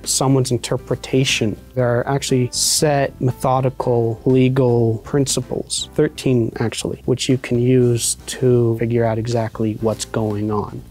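A man in his thirties explaining his beliefs in a sit-down studio interview, measured and fond of analogies, recorded on a lapel mic. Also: medium pitch, level tone. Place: studio set with armchair. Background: soft background music.

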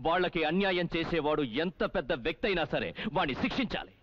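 A man's voice: a little high, fast talker, muffled recording, natural voice. An actor playing a defiant male police officer in a dubbed film, speaking with impassioned righteousness.

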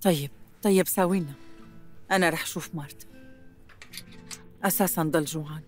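Casting: actress playing caring, strained woman, Syrian accent, slightly low quick voice, domestic TV drama dub. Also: faint music behind, close to an everyday voice. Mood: apologetic, subdued. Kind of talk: dubbed TV drama dialogue.

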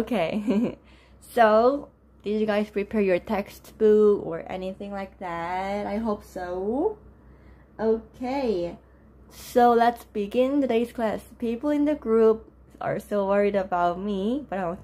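A young woman with a voice gone low and rough from just waking up, teaching a live online class. She chats with viewers, greets them by name and laughs often. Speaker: Korean language teacher. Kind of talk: live-streamed lesson with chat.

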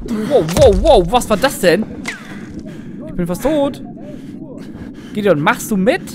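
A man giving casual gameplay commentary as a let's play gamer, excitable and swearing at the game. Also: high-pitched, slow pace. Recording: noisy game sound behind. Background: game gunfire and noise.

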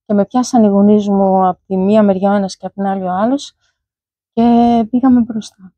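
A middle-aged woman giving a personal faith testimony, pausing often with hesitant fillers as she quotes her parents. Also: mid-range voice, steady tone, no echo, highs cut off. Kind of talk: personal testimony, recounted story.

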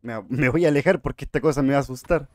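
A man's voice: medium pitch, very fast, darkish tone, no echo, clean studio sound. A man giving jumpy, chatty horror game commentary, talking to his viewers. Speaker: gamer streamer.

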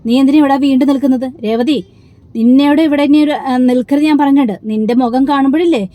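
Desperate young man begging for his father, brisk and mellow, read by a woman. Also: sits high, steady tone, dry recording, lightly acted. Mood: angry. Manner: pleading, insistent.

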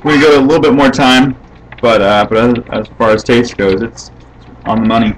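A man's voice: mid-range voice, steady tone, normal speed. A man casually explaining his cooking in a home kitchen, recorded from a camera across the room. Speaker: home cook. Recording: distant camera with noticeable noise.

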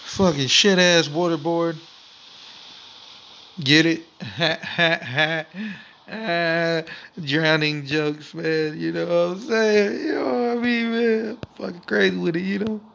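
High-pitched, bright frat-bro young man gaming. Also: takes it slowly, creaky, slight background noise. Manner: frat-bro slangy, swearing, exclaiming. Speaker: gaming video host. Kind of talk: casual let's play commentary.

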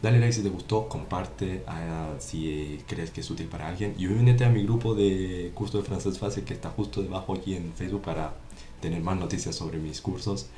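A man's voice: low-pitched, normal speed, mellow. A man giving a casual online French lesson in Spanish, repeating examples and often checking that the viewer understands. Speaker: French teacher. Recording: roomy echo with faint music.

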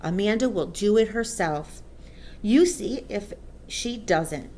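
A woman's voice: medium pitch, expressive, slow, a little mellow, slight background noise. A woman voicing a clever, assured schoolgirl in a storybook, explaining things emphatically and with certainty. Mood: matter-of-fact warning.

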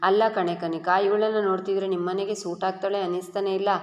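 A woman's voice: medium pitch, flat delivery, a little fast, darkish tone, lightly acted. A woman voicing a snobbish young woman friend, sneering and mocking, in a reverberant room.

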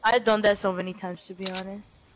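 A woman's voice: mid-range voice, flat delivery, brisk, background noise. A woman on voice chat with a fellow player, laid-back, swearing and laughing at the game. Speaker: teammate on voice chat. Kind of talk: casual gameplay chatter.

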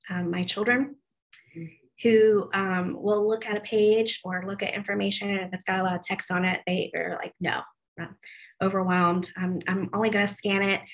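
A woman's voice: medium pitch, fairly bright tone, low-quality recording. A woman in her forties giving a staff training on a video call, talking casually with many ums and restarts. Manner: chatty, frequent ums and restarts. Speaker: web development presenter. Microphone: video call laptop mic.

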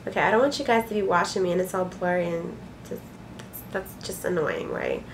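A young Ukrainian woman with a lowish, slightly quick voice answers viewer questions in a casual vlog filmed in her small bedroom, with noise in the background. She is frank and chatty, using plenty of fillers and the occasional swear word.

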